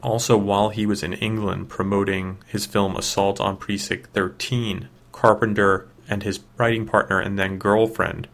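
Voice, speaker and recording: A man's voice: fairly low pitch, level tone, normal speed, hardly any pauses, a bit bright. A man hosting a film review, reading scripted narration about film history.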